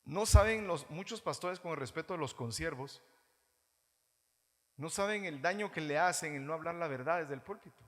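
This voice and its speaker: A man with a Guatemalan Spanish accent preaching a sermon as pastor, animated, mimicking churchgoers in mocking voices. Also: on the high side, normal speed. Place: church hall. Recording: reverberant church hall.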